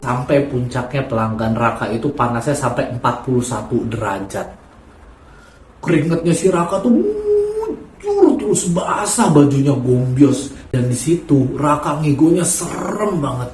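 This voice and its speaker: A man's voice: medium pitch, expressive, measured pace, darkish tone, slight background noise. A man hosting a horror story channel, chatting casually and addressing his listeners directly. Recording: echoey room, faint music.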